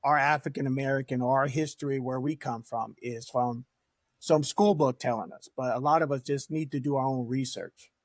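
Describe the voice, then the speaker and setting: A man's voice: medium pitch, fairly even intonation, moderate pace, no echo, studio quality. A man co-hosting a podcast, laid-back and preachy, urging listeners to look at themselves. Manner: laid-back, preachy call to self-reflection. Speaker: podcast co-host. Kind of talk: casual talk-show conversation.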